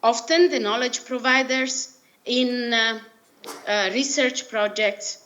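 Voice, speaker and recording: Italian-accented woman presenting, slightly high voice. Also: fairly even intonation, takes it slowly, fairly bright tone. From Italy. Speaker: presenter at an online workshop. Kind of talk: formal presentation with halting phrasing. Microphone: video call. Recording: dull, muffled video-call audio.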